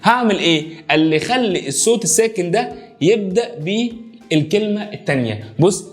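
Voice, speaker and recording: An energetic man with an Egyptian Arabic accent teaches English at a whiteboard, his fairly high voice rising and falling with animation. He drills each phrase by repeating it slowly, with faint music underneath. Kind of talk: whiteboard language lesson.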